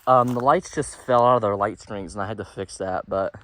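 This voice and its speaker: A man's voice: fairly low pitch, a little fast, fairly bright tone, poor audio. A man hosting a casual review vlog outdoors, talking hesitantly with many ums and restarts. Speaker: inflatable reviewer. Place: outdoors in a yard.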